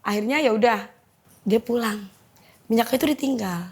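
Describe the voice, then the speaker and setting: A woman's voice: fairly high pitch, moderate pace, darkish tone, breathy edge. A woman giving an emotional personal testimony in an interview, vividly retelling events and acting out the dialogue. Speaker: testimony guest.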